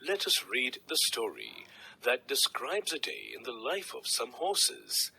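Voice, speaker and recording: A male teacher earnestly sets up a story for his class. His voice is husky yet forceful, with lively rises and falls in pitch. He speaks slowly and deliberately. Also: rough recording. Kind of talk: lesson introduction.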